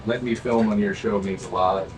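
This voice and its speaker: A man's voice: fairly low pitch, fairly even intonation, a little fast, far from the mic, a crowd in the background. A man in casual, grateful backstage chat after a show.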